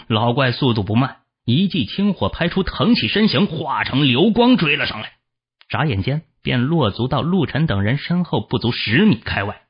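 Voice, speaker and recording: Husky-voiced male audiobook narrator. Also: medium pitch, lo-fi sound. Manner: expressive storytelling. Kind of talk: dramatic novel narration.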